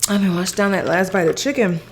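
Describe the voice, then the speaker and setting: A woman's voice: medium pitch, fast talker, slight background noise. A woman with a mid-range voice hosts an eating show. She talks casually to the camera in a chatty, rambling way while eating crunchy fried chicken. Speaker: mukbang host.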